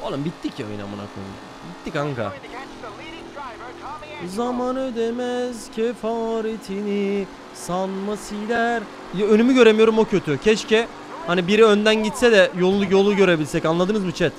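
High-voiced excitable male streamer. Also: fast, background noise. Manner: excitable, swears often, talks to chat. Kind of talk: live gameplay commentary.

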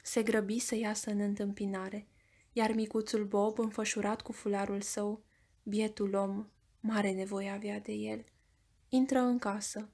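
A woman with a Romanian accent reading an audiobook in a measured storytelling voice. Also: medium pitch, flat delivery, mellow. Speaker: audiobook narrator.

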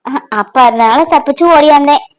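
A young actress in a family fan drama plays a playful, chatty village girl wary of her strict family, in a village romance. Her voice sits high and brisk, lightly acted, with lively intonation.

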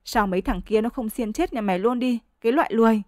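A woman voicing a fed-up, sharp-tongued peasant wife who scolds and curses her husband in a storybook reading, in a dry, close sound. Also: a little fast, dry recording, close to an everyday voice. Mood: furious scolding. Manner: shrill scolding, cursing loudly.

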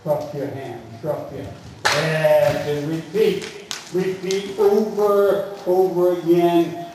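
At a show jumping clinic in a large covered indoor arena, a horse riding coach calls out terse, emphatic instructions and repeats short commands. His voice is fairly high with fairly even intonation, and he speaks slowly. A distant camera at the arena's side records it with echo and some noise.

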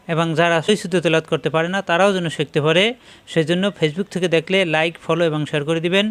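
A Bengali-speaking Quran recitation teacher leads a patient, step-by-step spelling and pronunciation lesson. He splits words into syllables and draws them out slowly as he models the recitation, his voice a little higher than most men's.

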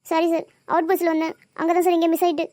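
A guilt-ridden young female college student in a cartoon, voiced by a woman, apologizing and pleading. She speaks very fast in a high voice, recorded dry. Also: flat delivery, darkish tone, no echo. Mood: apologetic. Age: young adult. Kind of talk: animated cartoon dubbing.

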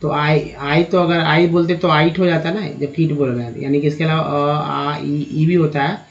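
A man's voice: on the high side, fairly even intonation, normal speed. A man teaching English pronunciation in Hindi, patiently spelling words letter by letter and calling his viewers friends. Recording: dull lo-fi recording.

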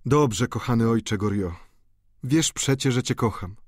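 A man's voice: mid-range voice, a little slow, dry recording, clean studio sound, natural voice. Man reading as an eager young student. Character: earnest young male student, eager and anxious. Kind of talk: audiobook character reading.

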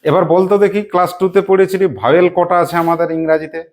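Over heavy background noise, a woman teacher with a lowish, steady voice drills young pupils on spelling. Her lesson relies on call-and-response and frequent quick check questions to the children.

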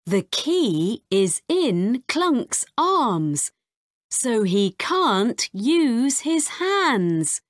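A woman teacher reading a children's story aloud, slow, clear and expressive. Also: a little high, no echo, studio quality. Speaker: English teacher.

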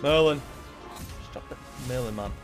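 A man's voice: mid-range voice, moderate pace. A man in his twenties giving casual, exasperated, complaining commentary as he streams online slots. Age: 20s. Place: indoor room at a streaming setup. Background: game music.

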